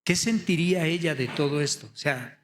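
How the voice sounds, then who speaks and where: A man preaching a sermon, telling the story with many rhetorical questions and building to loud, impassioned emphasis. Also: a little high, normal speed.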